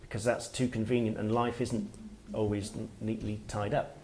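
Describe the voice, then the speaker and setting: A middle-aged man speaks at a writers' workshop in a somewhat low voice. His delivery is reflective and halting, with pauses and restarts as he works out his thoughts aloud. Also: little pitch movement, warm tone, a little hiss or hum. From Wales. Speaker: author and guest speaker. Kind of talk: workshop talk. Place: workshop room with listeners.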